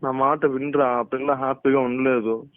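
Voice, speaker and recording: Calm man mediating over a tinny phone line. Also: medium pitch, normal speed, dry recording. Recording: tinny phone call recording.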